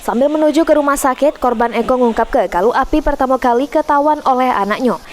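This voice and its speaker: News narrator: woman, Palembang Malay accent, bright high read, faint noise. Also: quick pace. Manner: reads a local news report in regional dialect. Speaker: news reporter.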